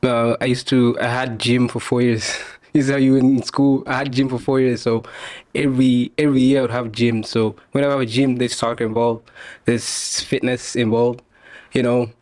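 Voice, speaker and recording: A man's voice: mid-range voice, moderate pace, no room sound. A young man from Tanzania, a podcast guest, chatting casually with lots of "you know" and easy laughs. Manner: relaxed, laughs often, many fillers like "you know". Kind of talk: casual interview chat.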